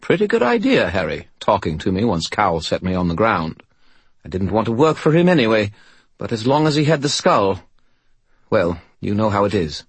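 A man voicing a cheeky, smug spirit that lives in a skull, perky and quick in an audiobook reading. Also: fairly low pitch, very animated, husky, no room sound, full character voice. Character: chatty, smug male spirit living in a skull.

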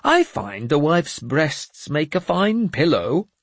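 Voicing a lofty, crafty, mad self-proclaimed bishop, a man speaks in a high, drawn-out, sing-song sermon cadence, slightly husky and fully in character. The sound is dry and close with no echo, like an audiobook.

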